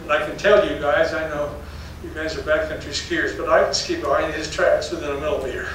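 An older man lectures in a fairly high-pitched voice with fairly even intonation at normal speed, a geology professor giving a public storytelling slide talk. He's folksy and anecdotal, chuckling between stories. The darkened lecture hall with an audience is very echoey, and the distant mic picks up faint noise.

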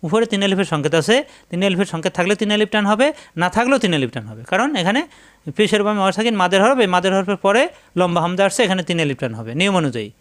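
A man teaching Quran recitation rules step by step. He explains each rule over and over and then chants the words in long, drawn-out tones. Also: sits high, sing-song. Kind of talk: tajweed lesson, explaining and demonstrating recitation.

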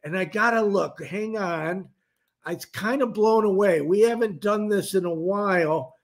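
A man's voice: high-pitched, unhurried. A man hosting a live stream, talking casually and rambling with frequent restarts. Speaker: livestream host.

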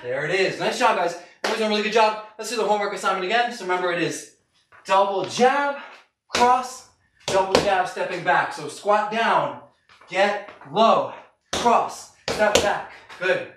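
A middle-aged man with a voice that sits high coaches a live boxing workout at normal speed, giving short, punchy, encouraging cues while hitting a punching bag. He's indoors in a garage gym, several metres from the camera, and the recording is echoey and noisy, far from the mic.

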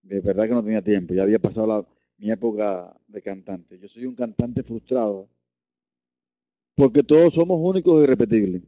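A man's voice: a little fast, no room sound, lo-fi sound. A man teaching a Reiki lesson, earnest, often repeating and restarting his words. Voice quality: deep voice. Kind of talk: online lesson.

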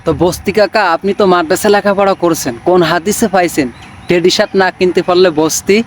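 High-voiced man scolding with sarcasm. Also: fairly even intonation, fast talker, over music. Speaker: commentator reacting to clips. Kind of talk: mocking reaction commentary.

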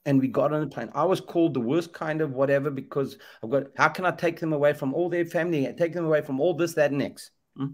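A fairly high, darkish-toned male voice rushes along with few pauses as a middle-aged Zambian man preaches passionately. The setting is an indoor room on a webcam video call, and he repeats phrases and asks rhetorical questions with preacherly emphasis.

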